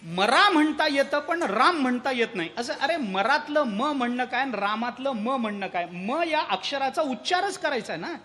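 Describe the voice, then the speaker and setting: A man's voice: very high voice, expressive, moderate pace, few pauses, bright, forceful tone. A man preaching a devotional kirtan, telling a story and asking the audience rhetorical questions.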